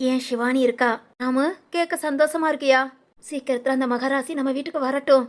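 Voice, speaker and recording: A woman voicing a fussing grandmother who scolds and coaxes in a sing-song way, for an animated family story. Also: high-pitched, fairly quick, close to an everyday voice. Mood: chatty. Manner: scolding, coaxing, sing-song village talk.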